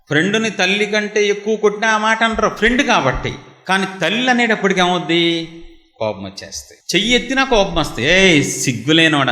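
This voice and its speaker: A man preaching a sermon and asking his listeners one rhetorical question after another, often dropping to a low, intense tone. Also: sharp tone, roomy sound.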